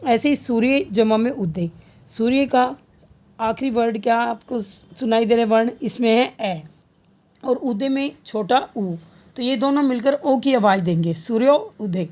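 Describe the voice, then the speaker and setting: A woman's voice: on the high side, a little slow, darkish tone. A woman teaching a grammar lesson, patiently working through examples and repeating each answer as a question.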